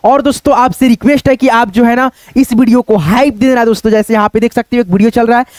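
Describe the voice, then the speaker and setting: A man with a very high voice walks viewers through spelling one letter at a time. He talks patiently, repeats himself often and keeps calling them friends. The sound is dry and close, with no room echo. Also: fairly even intonation, fast talker. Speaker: English teacher. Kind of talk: online spelling lesson.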